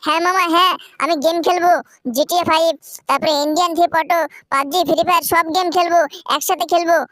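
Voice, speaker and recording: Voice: very high-pitched, fairly even intonation, fast, pushed and bright, no echo, clean studio sound. A performer voicing the cheeky little boy Shinchan in a playful, pleading way during a game video.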